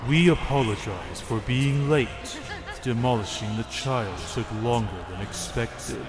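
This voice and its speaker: An actor voicing an ominous, formal creature made of many souls in a video game. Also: male voice, medium pitch, a little slow, natural voice. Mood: menacing. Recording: music behind game audio.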